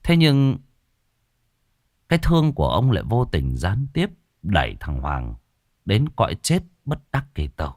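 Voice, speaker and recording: A man's voice: lowish voice, wildly swooping pitch, unhurried, pauses often, a little mellow, dry recording, clean studio sound. A man narrating a horror story in a vivid, theatrical, gory way.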